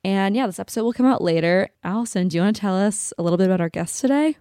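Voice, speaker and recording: A woman's voice: mid-range voice, racing, mellow, dry recording, clean studio sound. A woman co-hosting a podcast, talking in a bubbly way with lots of "like.". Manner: bubbly, peppered with "like". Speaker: podcast co-host. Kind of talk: casual podcast chat.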